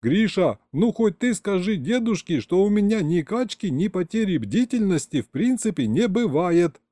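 Guy doing huffy spaceship voice, higher, yells when offended. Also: big pitch swings, moderate pace, dry recording. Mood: indignant. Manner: indignant, yelling. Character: touchy talking starship, young-sounding and loud.

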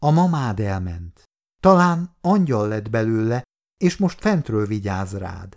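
A man voicing a kind, weary old man in a wheelchair in an audiobook, speaking calmly and gently. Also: fairly low pitch. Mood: gentle.

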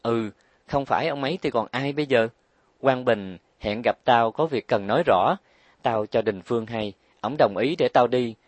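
A man's voice: medium pitch, normal speed, no echo, lightly acted. A man reading an audiobook, voicing a proud, stubborn young wife who complains and talks back. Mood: complaining. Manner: defiant, complaining.

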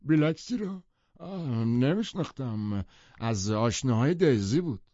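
A man's voice: mid-range voice, a little mellow, dry recording, pitched above the performer's own voice, lightly acted. A male audiobook narrator voicing a curt, domineering grown man who sneers at the others, in a dry, muffled recording. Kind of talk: audiobook character voice.

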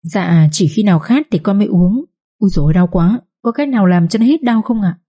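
A woman's voice: medium pitch, expressive, brisk, warm tone, husky. A woman voicing a scheming young servant girl who whines and pleads, in a read-aloud story. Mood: whiny. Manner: whining, pleading.

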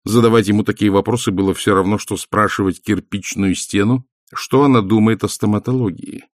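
A man narrating an audiobook in an expressive, storytelling manner. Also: on the low side, brisk, dry recording, clean studio sound. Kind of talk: scripted narration.

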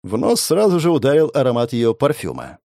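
Animated, lively male storyteller. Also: medium pitch, brisk, dry recording, studio quality. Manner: expressive, sardonic, lively storytelling. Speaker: audiobook narrator. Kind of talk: first-person story narration.

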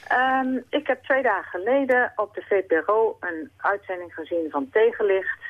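A woman's voice: medium pitch, normal speed. A woman phoning in to a radio show, talking earnestly with many fillers and restarts. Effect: phone-line caller to a radio show. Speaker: caller. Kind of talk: late-night radio call-in chat. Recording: tinny phone line.

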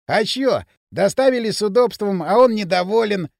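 A man's voice: high-pitched, animated, normal speed, creaky, a little mellow, no echo, studio quality, pitched above the performer's own voice. A man voicing a brash, cocky young man who jeers and bosses his friend in loose street talk. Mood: swaggering.

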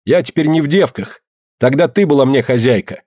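A man reading a story, voicing a defiant young peasant woman who answers with sharp, biting retorts. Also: mid-range voice, brisk, no echo, studio quality, pitched above the performer's own voice, natural voice.

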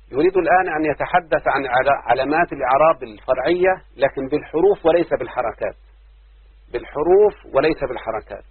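Male grammar teacher, husky and tinny. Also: mid-range voice, no room sound. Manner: explains step by step, repeats key rules and quoted examples. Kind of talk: classroom lecture. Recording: dry, phone-like narrow sound.

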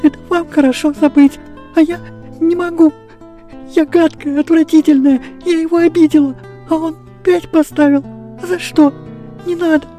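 A woman's voice: brisk, warm tone, soft background music, close to an everyday voice. A woman reading aloud voices a tearful, remorseful schoolgirl who sobs and pleads. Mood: weepy. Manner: sobbing, high and pleading. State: crying.

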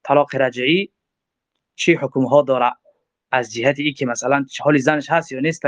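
This religious teacher has a medium-pitched voice. He lectures on religious law, reciting Arabic text and following each passage with rhetorical questions. The audio is dry, dull and lo-fi, without echo.

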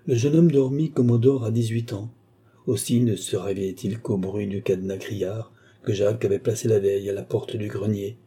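A man narrating a classic novel as an audiobook in a steady, even storytelling manner. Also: lowish voice, breathy edge. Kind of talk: scripted narration.

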